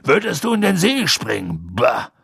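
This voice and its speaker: Man doing Hagrid, a gravelly gruff giant. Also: on the high side, huge pitch swings, normal speed, bright, forceful tone, dry recording, clean studio sound, voice pushed up, heavily acted. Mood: gruff comforting. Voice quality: gravelly, husky, rough dialect-tinged speech. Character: big gruff kind-hearted male giant gamekeeper.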